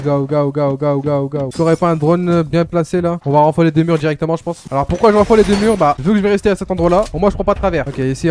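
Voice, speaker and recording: Fast excitable gamer guy, kinda high voice, slangy commentary over his match, faint gunfire behind. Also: slight background noise. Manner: excitable, slangy, talks to viewers while playing. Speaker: gaming YouTuber. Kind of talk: live gameplay commentary.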